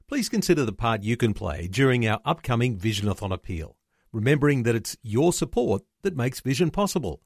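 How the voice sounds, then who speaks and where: A man's voice: mid-range voice, gravelly, a little mellow, no echo, studio quality. An Australian man, head of a charity, reading an earnest, inviting scripted appeal. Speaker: charity chief executive.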